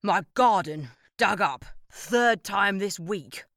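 A woman voicing a grumpy old male neighbour who complains loudly and grumbles. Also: medium pitch, takes it slowly, creaky, no room sound, studio quality. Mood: grumbling.

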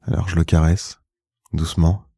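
A man narrating an intimate first-person story slowly and in a hushed, measured way, close to the mic. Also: low voice, level tone, breathy edge, no room sound. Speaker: podcast host and narrator.

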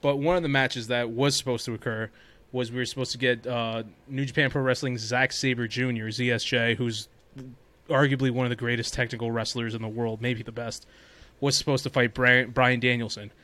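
A man's voice: medium pitch, level tone, fairly quick, bright, forceful tone. A man hosting a podcast, casually talking through news in a rambling, conversational, storytelling way. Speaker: podcast host. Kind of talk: casual chat about wrestling news.

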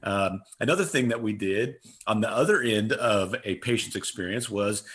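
Earnest lower-voiced middle-aged man. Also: moderate pace, fairly bright tone. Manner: earnest, emphatic, repeats key phrases. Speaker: interview guest, customer service consultant. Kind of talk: conversational interview answers.

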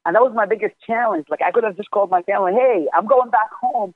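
Fast and high-pitched, the voice belongs to a man in his twenties from Jordan, heard through a dry, tinny phone line with soft music in the background. He's a casual interview guest recounting his story candidly and emphatically, with frequent swearing.

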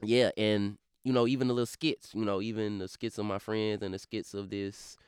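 A young man from Baton Rouge with a Louisiana accent, talking fast in a slurred drawl full of fillers as an interview guest. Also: lowish voice, little pitch movement, clear, resonant tone, no echo, studio quality. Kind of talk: casual interview talk.

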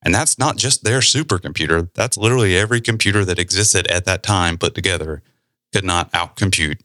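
A man hosting a podcast, explaining a topic in a relaxed, conversational way with side remarks. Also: deep voice, brisk, no room sound, clean studio sound. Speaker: podcast host. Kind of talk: casual explanatory talk.

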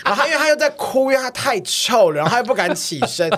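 A man's voice: extremely high pitch, big pitch swings, fast, fairly bright tone. A man tells a story in a casual podcast chat and drops English words into his talk. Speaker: podcast co-host.

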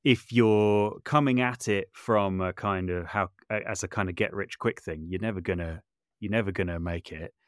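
A low-pitched man talks at normal speed in clean studio sound without room ambience. As a podcast guest who composes and makes audio dramas, he reflects thoughtfully, regularly softening or correcting his statements as he goes.

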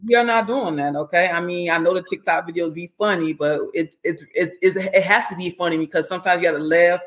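A woman's voice: lowish voice, fairly quick. A woman in her thirties, a nurse educator guesting on a podcast, speaking candidly and earnestly, often saying "you know". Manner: emotional when recalling support. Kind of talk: casual interview chat.

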